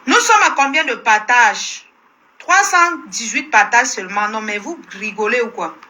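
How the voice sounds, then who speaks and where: A Cameroonian woman hosts a phone live stream and rants at her audience. Her voice is high and sharp, with a tense edge. She scolds and fights back, circling the same lines again and again. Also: animated, moderate pace. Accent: Cameroonian French. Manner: combative, scolding, repeats herself. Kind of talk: heated live-stream rant.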